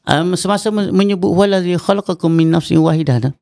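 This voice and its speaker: Malaysian male teacher, Malaysian Malay accent, fairly high gravelly tone, explains then chants melodic examples, dry mic. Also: fast talker, darkish tone, dry recording. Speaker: Quran recitation teacher. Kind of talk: explanatory podcast interview. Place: mosque podcast studio.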